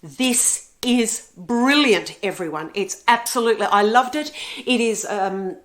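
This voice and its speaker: A woman's voice: on the high side, a little slow, a bit bright. A woman from Australia hosting a book channel, talking enthusiastically about books she has read and bought, rambling with frequent ums and self-corrections. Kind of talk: casual book review chat.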